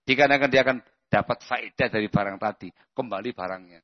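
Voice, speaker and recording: Preacher, conversational, muffled recording. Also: male voice, medium pitch, quick pace. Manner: conversational, checks listeners with "paham?". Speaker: Islamic preacher. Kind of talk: religious lesson with Q&A.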